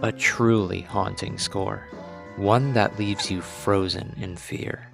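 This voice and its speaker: Low-voiced man narrating with mock gravity. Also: slow pace, vocal fry. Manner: mock-grave, deadpan dramatic hyperbole. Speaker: video game reviewer. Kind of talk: scripted video essay narration. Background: music.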